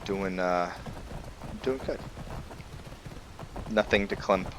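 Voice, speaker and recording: A man with a deep voice takes his time as he hosts a gaming video, giving casual, rambling commentary on the gameplay and chatting informally with his viewers. There's background noise behind him.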